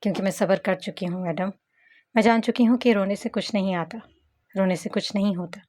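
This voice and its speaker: Woman reading as a heartbroken young woman, calm, resigned, a bit wry, novel audiobook. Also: medium pitch, brisk, natural voice.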